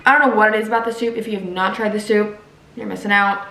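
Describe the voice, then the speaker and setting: A woman's voice: mid-range voice, steady tone, quick pace, pushed and bright, reverberant. A woman recovering from wisdom teeth removal, chatting casually to camera as she narrates her meals in a food vlog. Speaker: food vlogger.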